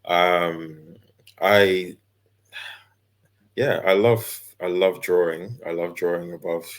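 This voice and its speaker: Laid-back deep-voiced man. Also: fairly even intonation, slow. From London, England. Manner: laid-back, easygoing, with many fillers and laughs. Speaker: guest, character designer and illustrator. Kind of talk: casual interview chat.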